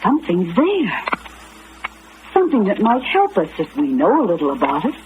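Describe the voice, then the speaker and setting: An actress in an old radio drama playing a composed, frank woman counseling a friend in a measured, firm way, on a muffled, noisy recording. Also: medium pitch, wildly swooping pitch. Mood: probing, earnest.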